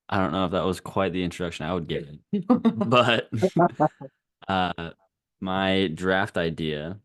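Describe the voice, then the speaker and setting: A man guesting on a podcast over a video call, speaking earnestly and a little hesitantly. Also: low-pitched. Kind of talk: casual podcast chat.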